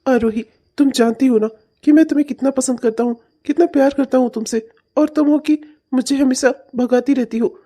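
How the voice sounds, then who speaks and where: A woman's voice: sits high, brisk, mellow. Woman voicing an earnest young man in love. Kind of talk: cartoon voice acting.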